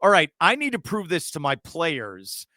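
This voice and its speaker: A man's voice: a little high, sing-song, normal speed, bright, forceful tone, dry recording, studio quality. A man hosting a sports podcast, asking questions in an upbeat, playful way. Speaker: podcast host. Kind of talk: sports interview.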